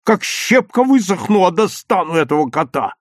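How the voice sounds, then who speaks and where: An excitable young boy shouts in eager bursts, high and leaping in pitch, as a male storyteller puts him on. The reading is close and dry, like a children's audiobook. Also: normal speed, no room sound. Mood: excited.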